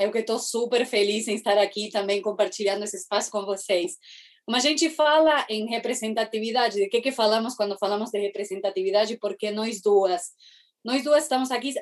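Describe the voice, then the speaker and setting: A woman's voice: fairly high pitch, fairly quick. Argentine woman moderating a panel. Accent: Argentine Spanish. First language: Spanish. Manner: welcoming, gently questioning.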